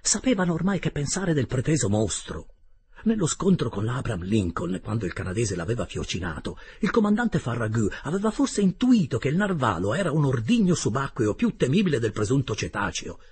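A man narrating an audiobook with a measured, dramatic reading and a gravelly, husky voice. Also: medium pitch, very animated, darkish tone.

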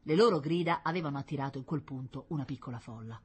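A woman narrates an audiobook in a steady storytelling manner. Her voice sits low and has a husky, breathy grain. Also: fast talker.

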